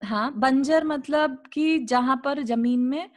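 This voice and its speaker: A woman with a high voice speaks at a slow pace while teaching a scripture class over video. After reading an old religious text aloud, she breaks it down in plain language and asks her class rhetorical questions.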